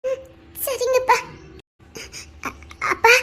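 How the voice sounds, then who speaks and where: A woman's voice: extremely high pitch, a little fast, a bit bright. A tearful little girl. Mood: tearful pleading. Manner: tearful and pleading, with nervous laughter. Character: small tender daughter pleading with her father. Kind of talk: Tamil audio drama acting.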